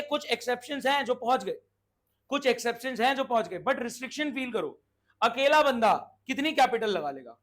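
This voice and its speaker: A man teaching a commerce class, quizzing and scolding his students as he explains. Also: extremely high pitch. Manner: brisk, scolding, asks the class questions. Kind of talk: classroom lecture.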